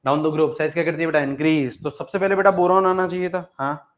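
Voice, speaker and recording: Male coaching teacher, a bit high-voiced, drills students with repeated questions, fond "beta". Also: steady tone, fairly quick. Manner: repeats questions to the class, calls students 'beta'. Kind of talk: exam-prep chemistry lesson.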